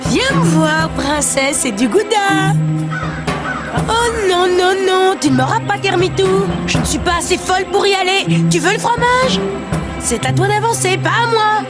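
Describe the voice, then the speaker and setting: A woman's voice: very high-pitched, lively intonation, measured pace. An actress playing a stubborn, exasperated young woman coaxing an animal in a cartoon dub. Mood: wary, exasperated. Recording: loud music under the voice.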